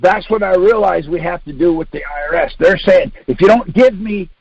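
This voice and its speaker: Brisk and high-pitched, a little mellow and husky, the older American man on this conference call gives an informal, insistent instructional talk. He leans heavily on rhetorical questions and acts out exchanges. The sound, carried over a phone conference line, is dull, lo-fi and echo-free.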